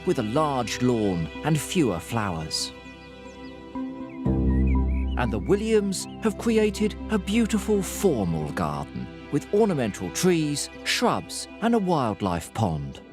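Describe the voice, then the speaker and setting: A man narrates a documentary from a script, measured and explanatory. His intonation rises and falls very widely. Clear music plays under the voice-over. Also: medium pitch, huge pitch swings.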